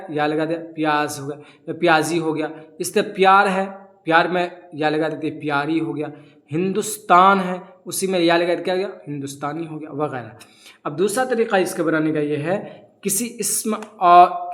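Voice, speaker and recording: A man's voice: on the high side, a bit bright. A man teaching a grammar lesson. He asks questions and answers them himself, and recites examples as short lists of words. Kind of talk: grammar lesson explaining from a textbook.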